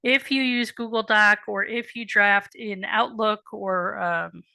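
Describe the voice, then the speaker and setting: A woman instructor with a bright, tense tone walks students through an assignment, a bit worn as she loses her voice. She is patient, repeats the key points and drops in candid asides. The sound is close and dry. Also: medium pitch, steady tone, slow pace, gravelly, no room sound. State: losing her voice. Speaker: college writing instructor. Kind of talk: recorded assignment walkthrough.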